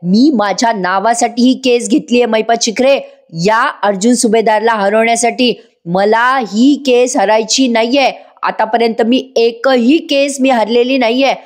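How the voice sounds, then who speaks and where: A woman's voice: on the high side, normal speed, natural voice. A woman voicing a proud female lawyer who speaks coldly and cuttingly. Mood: stern. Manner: cold, cutting.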